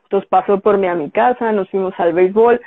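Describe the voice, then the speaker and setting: The speaker is a woman with a Mexican Spanish accent, a graphic designer in an interview, talking in a mid-range voice a little fast. She narrates casually and animatedly, voicing the dialogue she quotes, over a dry, tinny, phone-like recording.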